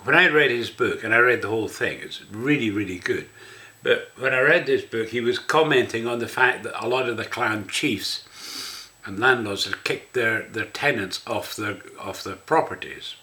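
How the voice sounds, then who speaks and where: Older scottish guy, low voice but quite bright and forceful, smokers rasp, just chatting thru a website. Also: normal speed. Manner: rambling, conversational. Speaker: website host. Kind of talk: casual spoken walk-through of a website.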